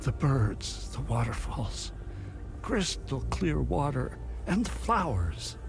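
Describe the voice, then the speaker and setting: With music in the background, a man voices the same kind of pious, fatherly old abbot in dramatic game dialogue, calm and gentle yet grave and formal. His medium-pitched voice is creaky, very animated and exaggerated, delivered slowly.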